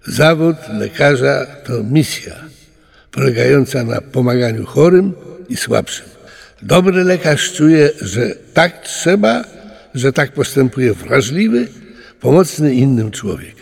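Mężczyzna czytający bajkę podkłada głos surowemu, pouczającemu duchowi wulkanu, mówiąc głośno. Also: male voice, mid-range voice, vocal fry, husky, long reverb tail, pitched above the performer's own voice, heavily acted. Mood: explaining. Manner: loud, lecturing. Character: booming male volcano spirit, stern and preachy. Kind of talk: storybook reading.

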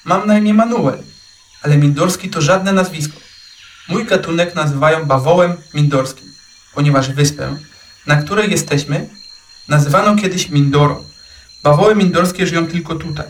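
A man doing a huge calm wise buffalo. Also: fairly high pitch, normal speed, echoey room, recorded from a distance, a little hiss or hum, close to an everyday voice. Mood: patient. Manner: calm, patient.

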